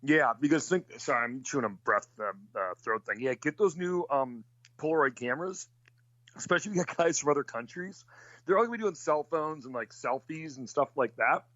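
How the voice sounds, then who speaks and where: A man's voice: a little high, animated, a little fast, a bit bright, no echo. A man who races cars, chatting casually and rambling with lots of fillers and restarts. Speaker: racing driver. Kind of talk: casual chat. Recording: dull lo-fi sound.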